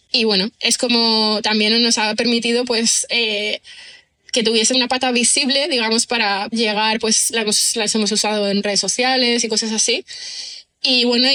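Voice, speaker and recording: A writer and screenwriter guests on a podcast, giving casual conversational interview answers. She's chatty and self-deprecating, thinks aloud, and keeps checking in with the listener. Her voice is fairly high and sharp.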